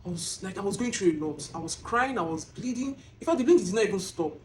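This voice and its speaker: A woman's voice: mid-range voice, fast talker, slight background noise. Emotional Nigerian woman telling her story. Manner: emotional, animated, fighting tears. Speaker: vlogger. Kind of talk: personal testimony storytelling. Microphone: self-filmed camera.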